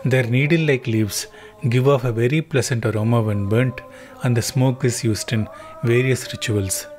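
A man narrating a travel documentary in a calm, even, scripted voice-over. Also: medium pitch, normal speed. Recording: voice-over with music underneath.

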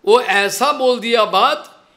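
Man, high voice, unhurried, devotional storytelling lecture, repetitive explaining. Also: sharp tone. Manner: repeats phrases, explains slowly, mixes in English words. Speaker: spiritual teacher.

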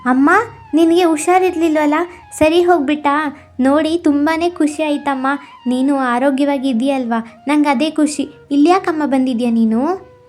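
A woman doing a high eager younger sister. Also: normal speed, darkish tone, soft background music, close to an everyday voice. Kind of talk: cartoon voice acting.

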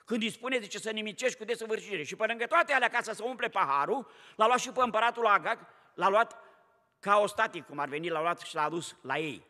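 Male preacher, high bright voice, fervent sermon delivery, echoing church hall. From Romania. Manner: fervent, shifts between loud exhortation and hushed tones. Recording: hall reverb.

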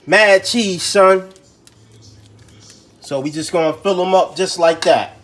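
A man's voice: high-pitched, slow pace, a bit bright, soft background music. A man hosting a home cooking show, talking casually to viewers in slang while he fills potatoes. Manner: slangy, chatty, talks to viewers as he cooks.

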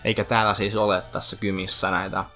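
A Finnish man doing let's-play commentary, chatty and full of trivia. His voice is gravelly and bright, and slightly low. Game music plays faintly behind him. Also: flat delivery. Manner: chatty, explains name origins and trivia. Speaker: gaming commentator.

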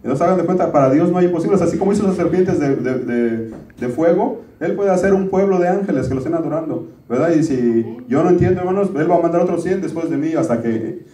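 A man's voice: on the high side, animated, fast, warm tone. A middle-aged man preaching a sermon as pastor, talking to the congregation in a conversational way and often calling them brothers. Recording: roomy, distant church recording.

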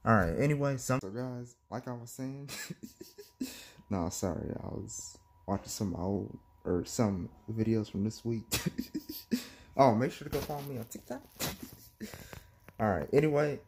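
Slow, husky man rambling in a vlog. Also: medium pitch, expressive, a little mellow. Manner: hesitant, rambling, many restarts and giggles. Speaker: vlogger. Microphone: phone.

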